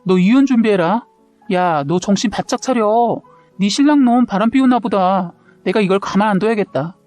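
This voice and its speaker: A woman's voice: medium pitch, normal speed, a little mellow, no echo, soft background music, close to an everyday voice. Story character: outspoken, hot-tempered woman friend, blunt and confrontational; a woman narrator plays her. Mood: angry. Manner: blunt, combative.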